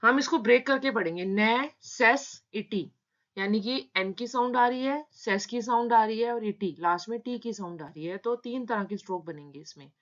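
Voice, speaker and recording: A woman teaching shorthand in a tutorial, patiently breaking words into their sounds. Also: on the high side. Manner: slow, patient, spelling out sounds. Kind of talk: step-by-step tutorial explanation. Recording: dull lo-fi sound.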